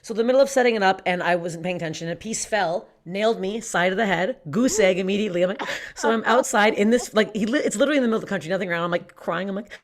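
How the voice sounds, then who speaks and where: A woman's voice: mid-range voice, very fast. Brash, self-mocking young woman comic. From Canada. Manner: brash, self-mocking, swears often and laughs through lines. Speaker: stand-up comedian. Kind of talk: online stand-up set. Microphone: streamed stand-up.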